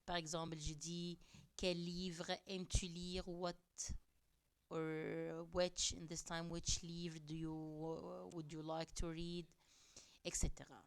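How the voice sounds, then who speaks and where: A woman's voice: on the low side, little pitch movement. A woman teacher explaining French grammar to young pupils, translating each point into English as she goes. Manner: switches between French and English glosses, slow and deliberate. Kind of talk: classroom lesson explaining grammar.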